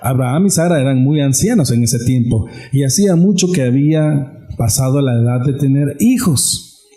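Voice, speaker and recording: Mellow-voiced male pastor preaching. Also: medium pitch, lively intonation, normal speed, roomy sound. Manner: emphatic, repetitive, addresses the congregation directly. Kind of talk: sermon.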